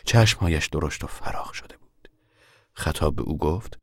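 A man giving scripted narration for a radio drama in a measured, steady way. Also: extremely low pitch, husky, dry recording, studio quality.

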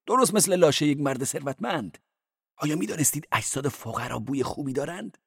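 A man's voice: a little high, lively intonation, gravelly, slightly rough, dry recording, studio quality, voice pushed up, heavily acted. A man voicing a meddlesome male church porter who giggles, gushes and lectures in a sly way. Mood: sly, gleeful.

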